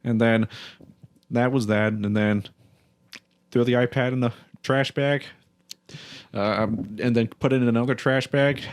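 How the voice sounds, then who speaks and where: A young man hosting a podcast, telling a self-deprecating story in a rambling, casual way with lots of restarts. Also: mid-range voice. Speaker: podcast host.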